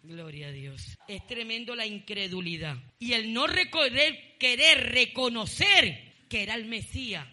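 A woman pastor preaching a fervent sermon to her congregation. She keeps breaking in with praise and sometimes rises to a shout. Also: fairly high pitch, lively intonation, unhurried. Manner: fervent preaching, often repeating "gloria a Dios", with shouted bursts.

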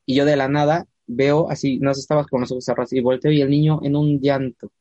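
A man's voice: medium pitch, no echo, lo-fi sound. A man telling a church testimony in a casual chat, acting out the voices of people in his story. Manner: animated storyteller, acts out quoted voices, slows down for emphasis.

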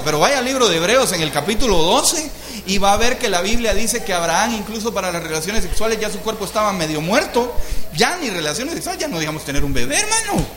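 A man preaching a sermon, telling the story in a lively way and often addressing his listeners as brothers. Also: sits high, roomy sound, a little hiss or hum. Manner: lively storytelling, keeps calling the congregation "hermano". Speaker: pastor.

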